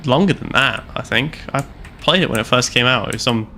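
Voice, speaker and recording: A man's voice: medium pitch, brisk, pushed and bright, a little hiss or hum. Playful young British-sounding man. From Canada. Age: 20s. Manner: playful, teasing, laughs often. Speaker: streamer host. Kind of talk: casual gaming chat.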